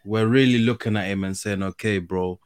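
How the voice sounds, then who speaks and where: A man's voice: on the low side, steady tone, a little fast, clean tone, no echo, clean studio sound. A man with a London accent chatting casually and slangily about football as an opinionated fan, repeating phrases for emphasis. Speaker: football fan panellist on a podcast.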